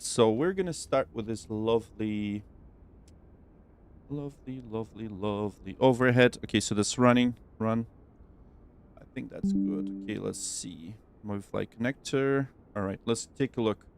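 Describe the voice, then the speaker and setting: A man's voice: on the low side, moderate pace, smooth. A young man streaming a flight simulator, talking casually and cheerfully to his viewers, rambling with fillers as he works. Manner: chatty, upbeat, rambling with fillers and self-talk. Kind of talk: casual livestream commentary.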